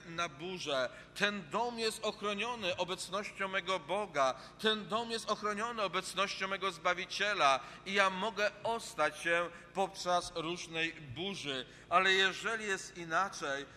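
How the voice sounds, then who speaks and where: Polish guy preaching, earnest and repetitive, very bright voice, big echoey church hall. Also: high voice, a little hiss or hum. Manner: earnest, repetitive phrasing with hesitant fillers. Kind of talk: sermon. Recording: long reverb of a large hall.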